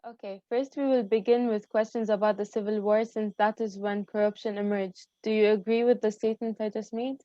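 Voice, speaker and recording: A woman reads a scripted introduction and puts questions to interviewees in a measured, even manner. Her voice is warm and dark, slightly raised in pitch. The recording is dull, lo-fi and dry, with no room sound. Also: no echo. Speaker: interviewer and narrator.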